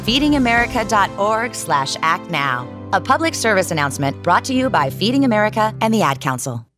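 A woman's voice: mid-range voice, sing-song, brisk. A woman reading scripted narration for a charity public service announcement. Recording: music bed under the voice.

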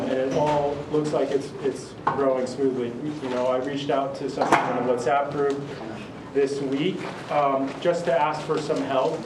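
A man from Connecticut hosting a casual group meeting, relaxed and hesitant with many fillers. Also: medium pitch. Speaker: meeting host. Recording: echoey room, mic far off, loud noise.

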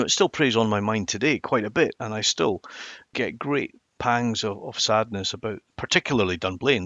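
A mature man with a Highland Scottish accent, telling stories reflectively and emphatically in a conversational interview. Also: creaky, fairly bright tone, no echo, lo-fi sound. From Inverness, Highlands of Scotland. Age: middle-aged or older. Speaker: interview guest, former television journalist.

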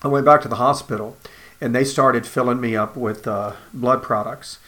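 رجل يروي قصته بلهجة تكساسية. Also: male voice, medium pitch, fairly even intonation, moderate pace, sharp tone. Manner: earnest storytelling, acts out dialogue. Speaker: cancer survivor telling his story. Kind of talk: personal testimony.

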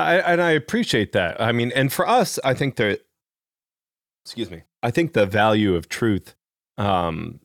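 Low-voiced Midwestern man hosting an interview. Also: no echo, clean studio sound. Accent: Midwestern American. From American Midwest. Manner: rambling with frequent fillers and restarts. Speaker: podcast host. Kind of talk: casual interview.

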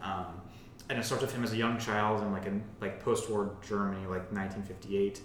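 Low-voiced man, filler-heavy, very echoey room. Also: level tone, a little fast. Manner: filler-heavy, says "like" constantly. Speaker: podcast host. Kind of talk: casual plot summary and discussion. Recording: very echoey room, faint rumble.

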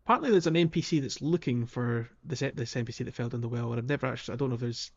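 A man co-hosts a podcast, chatting casually and hesitantly about a video game playthrough. His voice is medium-pitched and racing, and the recording's highs are cut off.

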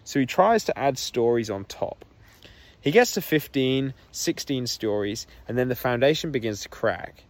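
A man speaking candidly to his podcast listeners while out on a walk. He sounds open and emotional, and he leans on "like" as a filler. His voice sits at an ordinary middle pitch for a man. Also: animated, moderate pace, no room sound. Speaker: podcast host. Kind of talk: candid solo podcast monologue. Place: outdoors on a walk.

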